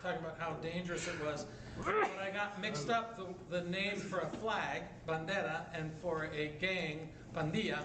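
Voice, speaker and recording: Picked up by a distant mic in an echoey hall with background noise, a middle-aged bishop tells stories in a jovial conference talk with questions, blending Spanish with his native English. He often asks "right?" and speaks in a high voice at normal speed, hardly pausing.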